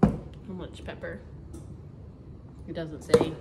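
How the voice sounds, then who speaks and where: A middle-aged woman talks her way through a recipe in a home kitchen, her voice sitting a little low. She chats and thinks aloud as she works, and loud clatter of dishes and pans carries under her from a camera on the counter. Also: flat delivery, slow pace, very noisy. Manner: chatty, talks while working, thinks aloud. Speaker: home cooking vlogger. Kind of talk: casual cook-along narration.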